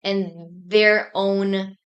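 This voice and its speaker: The audio is dull as a young Argentine woman, a student society president whose native tongue is Spanish, talks casually as an interview guest. Her medium-pitched voice is a bit bright and flat, her manner thoughtful and measured, with plenty of ums.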